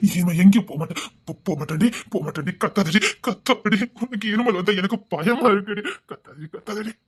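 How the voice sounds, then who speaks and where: A proud, pushy businessman who is a husband and father, played by a woman. He boasts about winning, and with his wife he turns pleading and anxious. The voice sits at an ordinary middle pitch for the performer. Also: a little fast, breathy edge, lightly acted. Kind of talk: audio drama acting.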